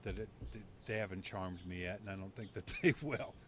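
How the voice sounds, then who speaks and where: A man's voice: low voice, a little fast, a bit bright, slight background noise. A man hosting a podcast, chatting candidly and laughing easily in an outdoor courtyard. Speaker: podcast host. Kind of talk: casual conversation.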